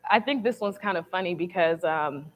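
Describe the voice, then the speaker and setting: A woman's voice: fairly low pitch, normal speed. A young woman speaking candidly and conversationally to a church congregation, sharing a personal testimony with casual slang.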